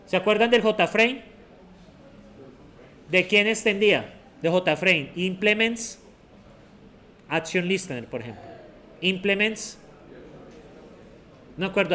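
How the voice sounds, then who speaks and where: A man's voice: sits high, a bit bright. A man teaches a university programming class. He explains step by step and keeps throwing short check questions at the students. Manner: asks the class many quick check questions. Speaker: university lecturer. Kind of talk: classroom lecture.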